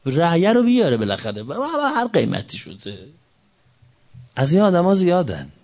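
Man, preacher, impassioned sermon, very animated pitch, slow scripture recitation, muffled lo-fi recording. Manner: fervent, with sudden rises and drops in pitch; recites scripture verses slowly. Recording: dull lo-fi recording.

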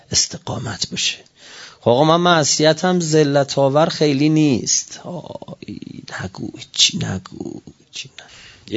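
A man with a high voice preaching a religious sermon. He moves from hushed, near-whispered passages to forceful, emphatic lines. The recording sounds dull and lo-fi. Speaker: cleric preacher.

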